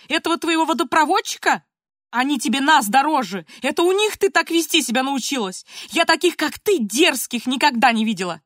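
A woman voicing a shrill old grandmother who screams and scolds in a high, loud voice. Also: dry recording, clean studio sound. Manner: shrieking, hysterical scolding.

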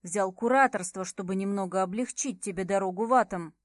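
A woman's voice: medium pitch, a little fast, no room sound, close to an everyday voice. Woman reading as a cold, manipulative man. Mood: coaxing. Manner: smooth and level, with hidden menace. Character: cold, manipulative adult man, a controlling curator.

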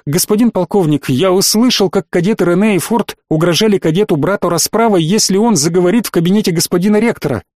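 A man's voice: high voice, quick pace, few pauses, a little mellow, no room sound, studio quality, voice pushed up, lightly acted. Man doing Rick, a heated boy cadet. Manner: heated, pleading. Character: agitated boy cadet defending a friend.

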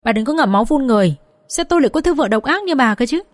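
A woman doing an indignant shouting father-in-law. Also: sits high, expressive, rapid-fire, dry recording, studio quality, voice pushed up. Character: angry father-in-law, older man.

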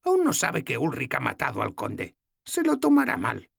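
A man's voice: mid-range voice, huge pitch swings, moderate pace, creaky, fairly bright tone, husky, dry recording, clean studio sound, pitched above the performer's own voice, heavily acted. A man voicing a stern, mocking old woman goddess in an audiobook, speaking in a blunt, scolding way. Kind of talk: audiobook character voice.

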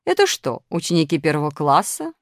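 A woman's voice: low-pitched, wildly swooping pitch, a little fast, no room sound, clean studio sound, heavily acted. A woman voicing a naughty, whiny male minus sign who pleads and wheedles, in an audiobook. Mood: whiny pleading. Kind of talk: audiobook character voice.

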